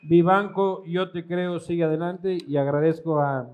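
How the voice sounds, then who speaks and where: A man's voice: fairly high pitch, level tone, moderate pace, phone-quality sound, a little hiss or hum. A man, hosting a talk show with teasing, irreverent, profane chat. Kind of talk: casual comedic chat.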